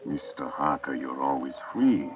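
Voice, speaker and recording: A sinister vampire count in an old radio play, very deep and unhurried. He speaks with formal, menacing courtesy. The recording is muffled and thick with noise. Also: expressive, far from the mic. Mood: silkily courteous. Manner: deliberate, formal, menacingly polite. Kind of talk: 1930s radio drama acting.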